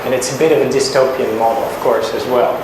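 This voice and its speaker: A man's voice: medium pitch, steady tone, fast. A man explaining his work at a thesis defense, hesitant and hedging, often repeating words as he goes. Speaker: doctoral candidate at thesis defense. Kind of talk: academic presentation and discussion. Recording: very echoey room, clear background noise.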